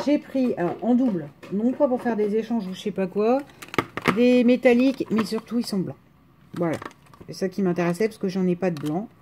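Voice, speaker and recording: A woman with a rural French accent talks casually to her viewers at home, rambling and restarting her sentences. Her voice is mellow and dark. A faint hiss sits under the recording. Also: medium pitch. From France. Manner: chatty, rambling, frequent hesitations and restarts. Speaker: vlogger showing a craft haul.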